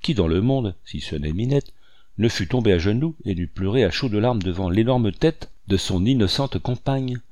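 A man reading a nineteenth-century novel aloud in a measured, expressive storytelling manner. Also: fairly low pitch, dry recording. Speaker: audiobook reader.

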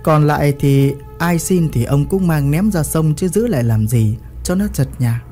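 A man's voice: on the high side, moderate pace, warm tone, faint music behind. A man narrating a village story in a vivid, earthy storytelling manner.

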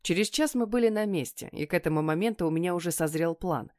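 A woman narrating a first-person audiobook in an emotional, expressive way. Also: fairly low pitch, quick pace, no room sound, studio quality.

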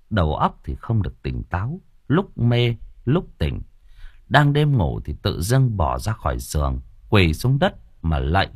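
Husky-voiced man telling a dramatic tale. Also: deep voice, no echo, studio quality. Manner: dramatic, expressive storytelling. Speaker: storyteller. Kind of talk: audio story narration.

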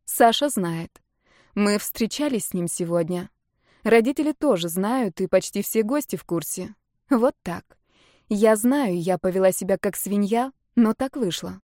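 A woman voicing gentle, hesitant young woman. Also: medium pitch, animated, measured pace, dry recording, clean studio sound, close to an everyday voice. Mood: wistful. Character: soft-spoken young woman in love.

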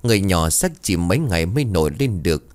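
A man narrating a horror story with dramatic, expressive storytelling. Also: low voice, fast.

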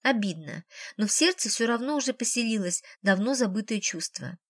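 A woman reading a novel aloud in an even storytelling manner. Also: on the high side, fairly quick, no room sound, studio quality. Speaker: audiobook narrator. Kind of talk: scripted narration.

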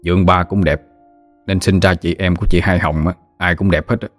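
A man's voice: deep voice, steady tone, a little fast, soft background music, close to an everyday voice. A man voicing a patient, good-humored middle-aged nephew, reassuring and teasing. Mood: patient, amused.

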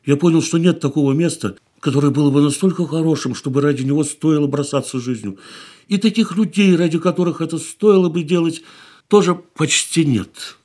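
An actor playing Boris, a gentle, worldly middle-aged man who speaks softly and reflectively in a radio play. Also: fairly high pitch, a little fast, natural voice. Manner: soft, reflective, calls her 'darling' tenderly. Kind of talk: studio radio drama acting.

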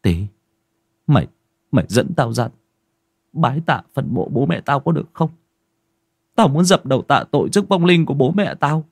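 A man voicing a worried young sorcerer in his thirties, speaking low, hushed and earnest in a spoken ghost story. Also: big pitch swings, moderate pace, pauses often, breathy edge, dry recording, studio quality, full character voice. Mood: pleading. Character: worried young male sorcerer back from the mountains.

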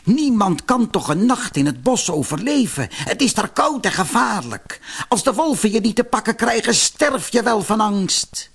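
A man's voice: high voice, big pitch swings, unhurried, pitched above the performer's own voice, full character voice. A man voicing a wicked scheming queen who also poses as an old woman, with a hissing, muttering menace. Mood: despairing.

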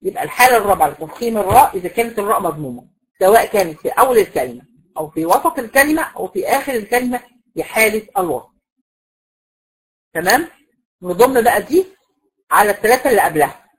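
Egyptian lady teacher, quick lecture, bit husky, keeps quizzing the class. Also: mid-range voice, animated, poor audio. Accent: Egyptian Arabic. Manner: explains patiently, asks the class questions and repeats key rules. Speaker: Quran recitation teacher.

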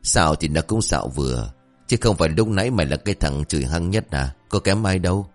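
Casting: gruff old village man, blustery, cursing, narrator voices him, deep. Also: lively intonation, a little fast, faint music behind. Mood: grumbling.

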